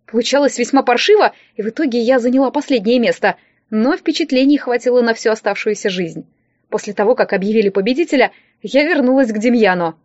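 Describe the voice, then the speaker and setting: A woman telling a first-person audiobook story in a lively, playful way. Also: a little high, fast talker, no room sound. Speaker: audiobook narrator. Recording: dry, slightly dull audio.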